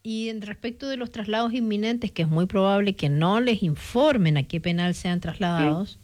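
A woman's voice: mid-range voice, moderate pace. A woman hosting a radio call-in interview, speaking to callers in a familiar, caring way. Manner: warm, addresses callers familiarly. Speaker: radio host.

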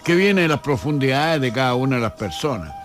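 A man's voice: medium pitch, expressive, a little fast, faint music behind. A Chilean man, a historian, answering in a radio interview, thoughtful and often restarting his words. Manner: hesitant, repeats words, reflective. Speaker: historian guest.

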